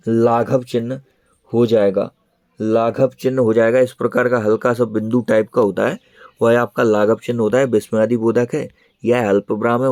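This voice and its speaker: A man's voice: mid-range voice, a little mellow, no room sound. A man teaching an online exam prep lesson in speech, repeating each answer as he explains it.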